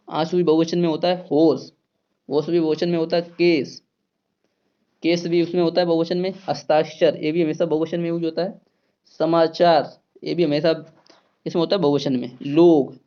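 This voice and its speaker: A man's voice: fairly high pitch, muffled recording. A man teaching an exam-prep grammar lesson, repeating key words and asking and answering his own questions.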